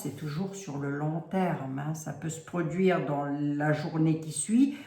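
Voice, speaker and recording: A woman's voice: on the low side, a little mellow. A woman from Lorraine with a Lorraine accent, a psychic vlogger talking casually and rambling to her viewers with many asides. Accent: Lorraine French. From Lorraine, France. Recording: roomy echo.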